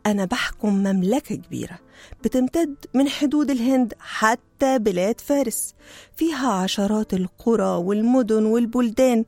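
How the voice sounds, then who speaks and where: A woman's voice: on the high side, warm tone, no echo. Woman voicing a stately, curious sultan. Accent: Egyptian Arabic. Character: gracious, curious male sultan ruling a vast kingdom.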